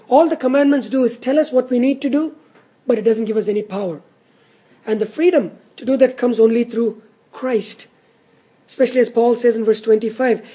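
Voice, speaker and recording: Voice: medium pitch, warm tone, husky. A pastor preaching an expository sermon in an earnest, teacherly way, repeating key words for emphasis.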